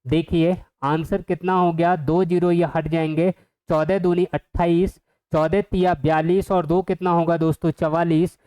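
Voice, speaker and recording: A man's voice: fairly high pitch, flat delivery, moderate pace, dark tone, smooth, low-quality recording. A man teaching an exam-prep math lesson, who keeps asking the viewers questions and then answers them himself.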